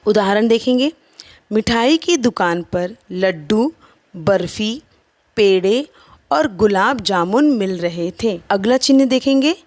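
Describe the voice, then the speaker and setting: A woman teacher giving a grammar lesson to children, explaining slowly and listing examples one by one. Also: medium pitch, animated, darkish tone. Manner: slow, careful explaining with listed examples.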